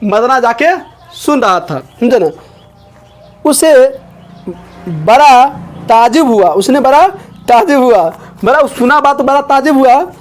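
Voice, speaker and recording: Very high-voiced man teaching. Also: animated, slow, long pauses. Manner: repeats lines and checks understanding with questions. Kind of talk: explaining a textbook chapter to students.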